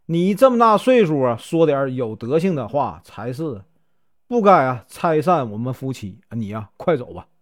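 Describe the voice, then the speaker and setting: A male storyteller voicing a sharp-tongued young wife who scolds curtly. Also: mid-range voice, very animated, normal speed, close to an everyday voice. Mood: scolding. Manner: curt, scolding.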